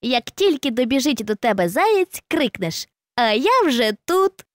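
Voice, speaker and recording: Woman doing a sly, high little hedgehog man. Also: sing-song, measured pace, no echo, clean studio sound. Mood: sly confident. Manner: sly, self-assured. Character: clever boastful male hedgehog. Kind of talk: storybook reading.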